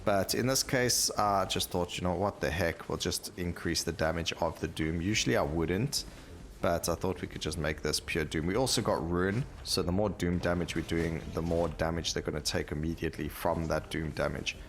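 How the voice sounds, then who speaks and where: This deep-voiced man speaks at normal speed, with a little hiss or hum on the recording and game music in the background. Hosting a gaming video, he chats casually, reasoning out loud and explaining his choices to viewers mid-play.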